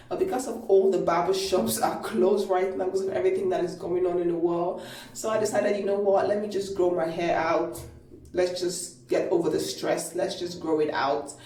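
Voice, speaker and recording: A woman talks casually to her viewers in a loose, rambling way, full of fillers and restarts. Her voice is soft and mellow. The sound is a low-quality phone stream that bounces around a small bathroom and is picked up from a distance. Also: roomy sound. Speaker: hair care vlogger. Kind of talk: casual how-to vlog. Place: small echoey home bathroom. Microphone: mobile phone camera.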